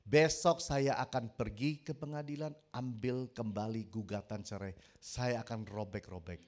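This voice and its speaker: Middle-aged male pastor from Indonesia, preaching a story-driven sermon that swells into loud emphatic appeals. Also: mid-range voice, unhurried. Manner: storytelling, acts out quotes, builds to loud emphatic peaks.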